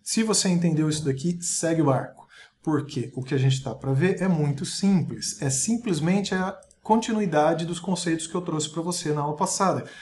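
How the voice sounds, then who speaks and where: A man's voice: fairly high pitch, normal speed, darkish tone, slight background noise. A man teaching an online music lesson, explaining step by step and chanting rhythms as he counts.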